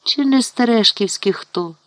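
A man voicing an older, warm-hearted village carpenter who talks in a folksy, exclamatory way, in a storybook reading. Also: very high-pitched, no room sound, voice pushed up. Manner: exclamatory, folksy, drawn-out sighs.

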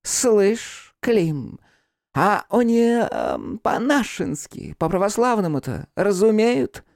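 A man's voice: high-pitched, huge pitch swings, slow, creaky, darkish tone, no room sound, clean studio sound, voice pushed up, full character voice. A man voicing a coarse, brash, heavyset tavern harlot in an audiobook, crude and cheeky. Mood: brazen. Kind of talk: audiobook character voice.

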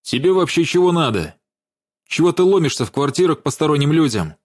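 A tall, brusque man, played by a male narrator who snaps orders with lively swings in his voice. He sounds gruff and bossy. The recording is dry and close. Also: on the high side, fairly quick, no room sound, voice pushed up. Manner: brusque, sighing.

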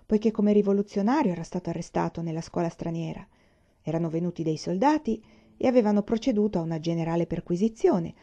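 Female audiobook reader, measured and expressive, dark mellow tone, dull lo-fi sound. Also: lowish voice. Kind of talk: literary audiobook reading. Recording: dull lo-fi recording.

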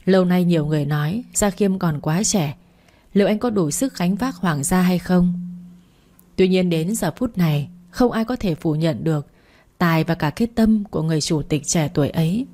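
Low, mellow woman narrating a story. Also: normal speed.

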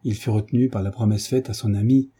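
A man narrating a classic novel as an audiobook, in a steady, measured way. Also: fairly low pitch, slightly rough.

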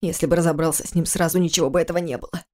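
A woman voicing an injured man who speaks hoarsely and quietly, lower and softer than her narration. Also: steady tone, racing, close to an everyday voice. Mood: weary stern. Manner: hoarse, slurred.

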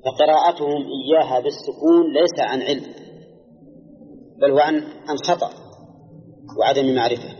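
A man with a Najdi Arabic accent gives a measured religious lesson, pausing to put questions to his students. The archival recording sounds dull and muffled, and a long reverb trails off the walls of the hall. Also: fairly high pitch, steady tone, warm tone. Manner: measured, explanatory, quizzes listeners. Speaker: Islamic scholar teaching Quran exegesis. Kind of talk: classroom lecture with questions to students.

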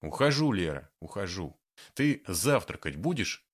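A man's voice: low voice, very animated, measured pace, breathy edge, exaggerated voice. Man voicing a mild placating old man. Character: patient older man, early riser, mild.

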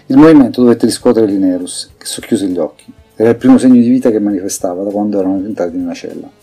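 Low husky male narrator. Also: fast talker, dark tone. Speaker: audiobook narrator. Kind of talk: scripted fantasy narration. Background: faint music.

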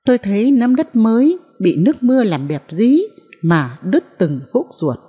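A woman narrating a novel in the first person as an audiobook reader, in a measured, mournful way. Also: a little high, very animated, mellow, slightly rough, in a large hall.

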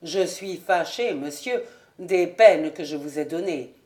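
A woman's voice: fairly low pitch, slow pace, a little mellow. A woman voicing a proud, gloomy young male nobleman who speaks coldly and haughtily, in an audiobook. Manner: cold, haughty and restrained.

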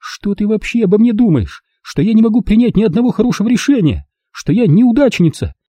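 A man's voice: very high-pitched, big pitch swings, brisk, slightly rough, no echo, voice pushed up, exaggerated voice. A man voicing a hot-tempered young woman who lashes out defensively at her mother. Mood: angry. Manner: loud, defensive outbursts.

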